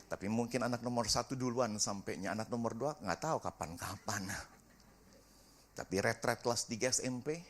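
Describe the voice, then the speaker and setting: A middle-aged man, a pastor preaching a sermon and telling a family story with lively acted-out dialogue. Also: mid-range voice, normal speed. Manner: animated storytelling, acts out family dialogue, sings briefly.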